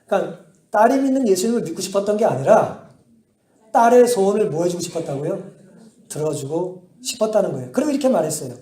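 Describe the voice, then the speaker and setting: Male pastor, high and mellow voice, sermon with rhetorical questions, echoey church hall. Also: big pitch swings, fast talker. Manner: asks the congregation rhetorical questions and answers them; emphatic storytelling. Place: church sanctuary.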